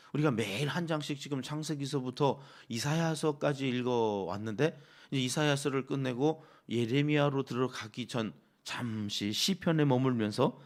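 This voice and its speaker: A man of ordinary pitch delivers an early-morning sermon as the church's pastor. He preaches expressively, throws rhetorical questions at the congregation and leans hard on his emphasis. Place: church sanctuary.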